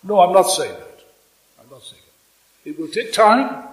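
An older man giving a fiery revolutionary speech at a stand microphone in a hall, speaking emphatically and deliberately with repetition and dramatic pauses. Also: high-pitched, very animated, fairly bright tone, distant mic. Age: 60s or older. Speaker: political speaker at a congress. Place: indoor hall before a seated audience. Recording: echoey hall public-address sound.

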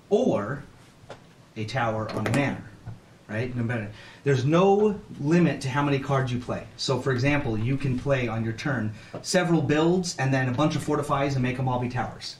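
A man explaining the rules of a board game to players at a table in a casual, chatty way, laughing often. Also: mid-range voice. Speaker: game teacher. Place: room around a table game. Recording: echoey room from a distance, faint noise.

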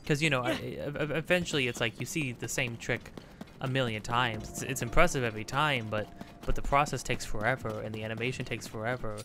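Male let's play host, mid-pitched, casual meandering delivery over clear game music. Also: a little fast. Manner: rambling, many fillers and restarts. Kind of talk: casual gameplay commentary.

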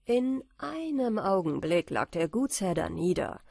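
Female bedtime narrator, soft and calm, breathy, dry close recording. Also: lowish voice, a little slow, dry recording. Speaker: audiobook reader. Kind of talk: bedtime story reading.

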